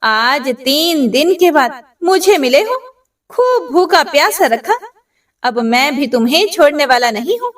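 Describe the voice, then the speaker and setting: A woman's voice: sits high, sing-song, measured pace, far from the mic. A woman voicing a simple, determined hunter man who speaks eagerly and earnestly in a told story. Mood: triumphant.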